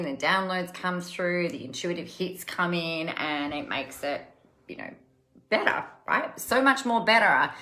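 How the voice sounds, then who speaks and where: A woman's voice: fairly low pitch, pushed and bright. A woman, hosting a casual live stream as a coach, chatty and emphatic, repeating words for effect. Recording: echoey room.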